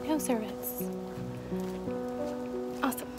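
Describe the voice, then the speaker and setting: A woman in her thirties chatting casually to a phone camera while hiking alone on a forest trail, with a self-deprecating manner. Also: takes it slowly. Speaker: vlogger. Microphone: phone at arm's length. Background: background music.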